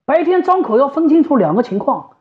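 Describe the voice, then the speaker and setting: She speaks briskly in a high, sing-song voice, offering an informal, conversational explanation and repeating phrases for emphasis. The woman is a home ventilator specialist and shop staff member. The audio is lo-fi and slightly dull.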